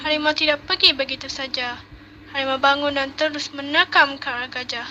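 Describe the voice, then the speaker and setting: A young woman, narrating a puppet show in a steady storytelling manner. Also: high voice. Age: young adult. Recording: dull noisy home recording.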